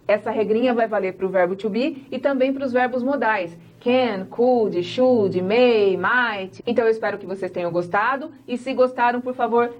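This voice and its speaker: Female teacher, Portuguese her first language, clear step-by-step explainer for an online English class. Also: fairly high pitch, dull audio. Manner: explains step by step, acts out sample dialogues.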